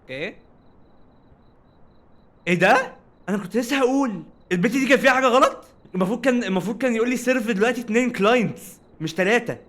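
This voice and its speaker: A young man with an Egyptian Arabic accent giving jokey, animated commentary while playing a horror game and chatting to its characters. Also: very high-pitched, very fast. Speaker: gaming streamer. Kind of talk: casual let's-play commentary.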